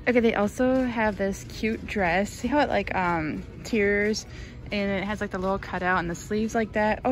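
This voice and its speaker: A woman's voice: medium pitch, a little mellow. A woman narrating a casual shop-with-me vlog on her phone, chatty and gushing, with lots of likes and ums. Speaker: shopping vlogger. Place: large retail store, indoors.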